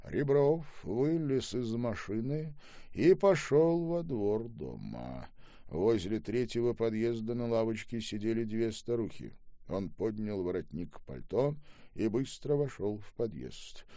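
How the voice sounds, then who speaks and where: A man narrates an audiobook in a lowish voice. His pitch moves expressively through the sentences, and the recording is close and dry. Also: dark tone, no room sound.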